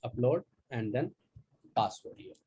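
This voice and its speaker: A man instructing an online class, explaining software steps at a relaxed pace with fillers. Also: medium pitch, a little slow, breathy edge. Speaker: course instructor. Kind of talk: live online class walkthrough.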